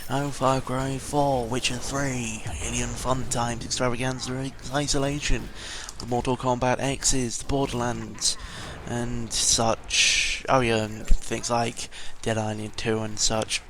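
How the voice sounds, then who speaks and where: The voice is a man's, mid-range and a bit bright, with a level tone and a slow pace. He's a seventeen-year-old British vlogger rambling hesitantly and tangentially through an audio log with mild swearing, sounding a bit ill, captured on a noisy home mic.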